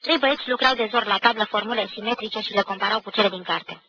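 Woman reading a novel for radio, measured and expressive, bright voice, muffled 1990 tape. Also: medium pitch, slightly rough, no echo. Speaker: reader of a novel. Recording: dull lo-fi 1990 radio recording.

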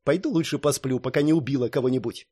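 A man's voice: mid-range voice, fast, husky, close to an everyday voice. A man reading an audiobook, voicing a fiery half-cat young woman who snaps at others. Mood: snapping. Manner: sharp, snapping.

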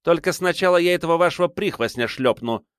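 A man's voice: fairly high pitch, fast talker, clean tone, no room sound, studio quality, pitched above the performer's own voice, natural voice. A man voicing a suspicious, spiteful middle-aged woman in an audiobook. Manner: sneering, spiteful.

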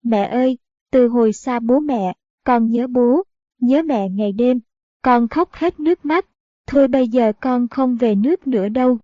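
A woman's voice: on the high side, unhurried, no echo, highs cut off, close to an everyday voice. A woman reading the part of a sixteen-year-old boy who sobs and pleads with his mother in an audiobook. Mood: tearful. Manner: sobbing, pleading. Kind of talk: audiobook narration.

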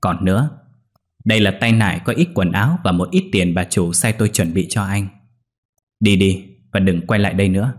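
A man's voice: low-pitched, moderate pace, natural voice. A man voicing a scheming young maid who mocks her former sweetheart. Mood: mocking. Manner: mocking, clear ringing voice.

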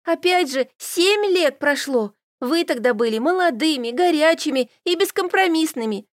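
A woman reading an audiobook and voicing a lively, pushy young woman friend who talks emphatically and coaxes insistently. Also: sits high, normal speed, dry recording, studio quality, pitched above the performer's own voice. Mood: coaxing. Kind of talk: audiobook character voice.

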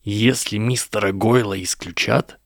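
A man's voice: mid-range voice, animated, moderate pace, creaky, darkish tone, no room sound, studio quality, pitched above the performer's own voice. A man voicing a clever, calculating boy wizard who talks in an urgent, persuasive way in a read-aloud story. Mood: urgent whisper.

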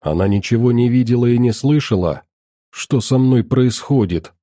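A man voicing a young mother who speaks softly and gently to her daughter. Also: medium pitch, moderate pace, dry recording, clean studio sound, close to an everyday voice. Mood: anxious.

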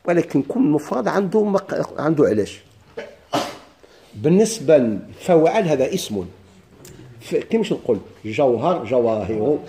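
A man with a Moroccan Arabic accent teaching a grammar lesson, quizzing students with quick questions and answers. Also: a little high, sing-song, dark tone, slight background noise. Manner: chants verse slowly.

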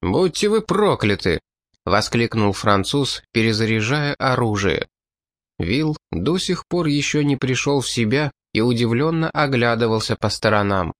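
A man's voice: medium pitch, expressive, moderate pace, a bit bright, dry recording. Man narrating an audiobook, dry sound. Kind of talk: scripted narration.

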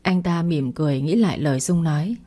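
Woman reading a story aloud, low and mellow, kinda husky. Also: brisk. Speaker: narrator. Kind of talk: storytelling narration.

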